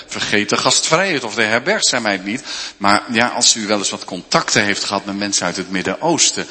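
Animated man preaching in a hall. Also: fairly low pitch. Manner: animated storytelling, addresses the congregation. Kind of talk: sermon.

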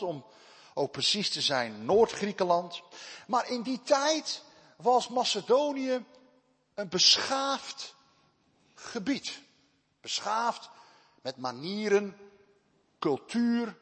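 Male pastor, sermon, high animated husky voice, loud cries and soft asides, church reverb.

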